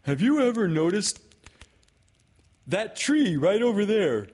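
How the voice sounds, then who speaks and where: A sweet, slow-witted little toy bear from a children's storybook. He is hesitant and earnest, plodding along at a very unhurried pace. The pitch wanders widely as he speaks. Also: very animated, a little mellow. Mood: eager. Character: slow, simple-minded, good-natured little toy bear.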